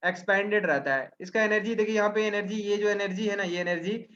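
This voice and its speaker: Male webinar trainer, high-pitched, explaining step by step, rhetorical Q&A style, muffled call audio. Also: fast, a bit bright. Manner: asks himself questions and answers them, with frequent "है ना?" tags. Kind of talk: explanatory teaching talk. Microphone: video call.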